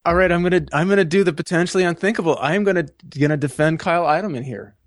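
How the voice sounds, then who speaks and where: A man co-hosting a podcast, talking through a book in halting, self-correcting speech and reading passages aloud. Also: fairly high pitch, dry recording, studio quality. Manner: halting, repeats words, reads passages aloud. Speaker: podcast co-host. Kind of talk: casual book discussion.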